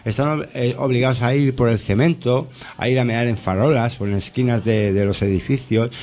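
A man telling casual stories in an interview, rambling and halting, with many restarts and tag questions. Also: medium pitch, fairly even intonation, a little mellow, a little hiss or hum. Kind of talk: casual storytelling.

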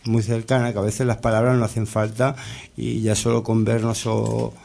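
A man telling casual stories in an interview, rambling and halting, with many restarts and tag questions. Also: fairly low pitch, completely flat delivery, vocal fry, darkish tone. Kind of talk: casual storytelling.

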